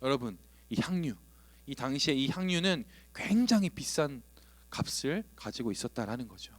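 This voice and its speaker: A man's voice: medium pitch, very animated, moderate pace, no room sound. A young man, a youth pastor, preaching an earnest sermon to teenagers, repeating phrases and building to emphatic appeals. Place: church online service.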